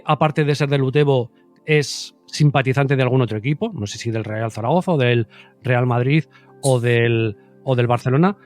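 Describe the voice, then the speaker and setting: A man hosting a podcast interview, asking long rambling questions in a casual chat. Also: medium pitch. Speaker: podcast host.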